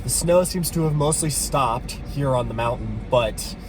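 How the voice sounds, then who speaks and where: A man's voice: mid-range voice, unhurried. A man talks through his storm-chasing plans in a casual vlog style. His voice competes with heavy wind and vehicle noise. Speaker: storm chaser vlogger.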